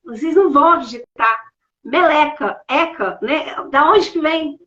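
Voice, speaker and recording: A woman's voice: sits high, unhurried, a bit bright, lo-fi sound. A woman hosting a live stream, playful and talking straight to her viewers. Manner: playful, addresses the audience directly. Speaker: host.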